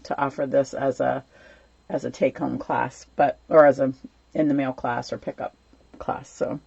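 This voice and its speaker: A woman with a bass, gravelly voice, slightly mellow and breathy, speaks at a moderate pace with a steady tone while hosting a live stamping class from home. She chats with viewers, greeting them by name with many ums, shows craft supplies, and says she's losing her voice, which sounds a little worn. The recording is dry and muffled.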